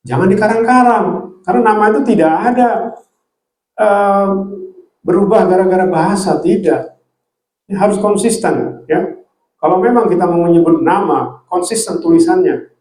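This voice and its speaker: A man's voice: high voice, a little mellow, echoey room, rough recording. A man preaching a sermon in an earnest teaching manner, tagging his points with short asides. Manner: earnest teaching with many filler "ya" tags.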